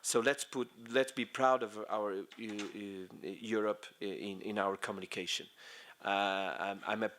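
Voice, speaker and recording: A middle-aged man from Portugal with a Portuguese accent, giving a conference speech in English, halting often with fillers and restarts. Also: on the low side, fairly even intonation, fairly bright tone, a little hiss or hum. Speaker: conference speaker.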